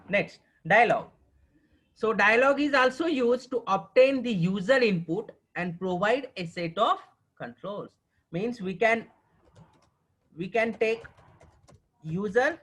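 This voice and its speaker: A man with a Marathi accent teaching a programming class online, often pausing to ask whether the students understand and slowing down for the English definitions. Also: high voice, a bit bright. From Maharashtra, India. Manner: keeps checking if students understand; mixes slow dictated English with quicker explaining.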